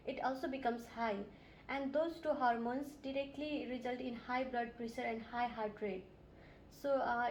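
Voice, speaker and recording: A woman's voice: sits high, darkish tone, a little hiss or hum. A woman from Nepal, playing a nurse and asking polite, methodical questions in a scripted health assessment role-play. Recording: roomy echo.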